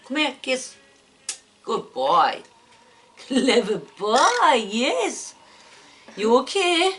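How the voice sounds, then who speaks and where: Woman, pet bird baby talk, lilting up and down, slow and drawn out, at home indoors. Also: sits high, very animated, fairly bright tone, slight background noise. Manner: coaxing sing-song baby talk. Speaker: pet owner. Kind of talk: casual chat to a pet bird.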